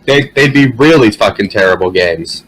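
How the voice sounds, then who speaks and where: A man's voice: lowish voice, animated, normal speed, fairly bright tone, rough recording. A man chatting casually as a podcast co-host, in a rambling, sweary way. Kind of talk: casual chat about games and anime.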